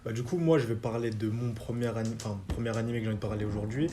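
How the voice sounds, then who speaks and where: A man's voice: lowish voice, very fast, noisy background. Casual young man hosting an anime chat. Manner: relaxed slangy talk with many fillers. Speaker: host.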